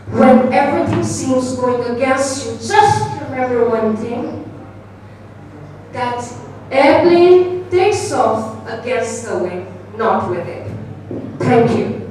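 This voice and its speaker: A woman's voice: sits high, slow, a little mellow, a little hiss or hum. Teenage woman, Indian accent, precise theatrical declamation, very echoey hall, distant mic. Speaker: declamation contest participant. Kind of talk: rehearsed declamation speech. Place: large echoing hall.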